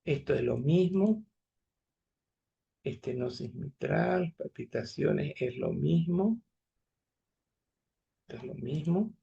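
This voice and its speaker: A man's voice: fairly high pitch, expressive, slow, gravelly, long pauses, mellow, husky, highs cut off. A man teaching medicine in an online class, explaining step by step and often asking his students if they follow. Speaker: medical lecturer.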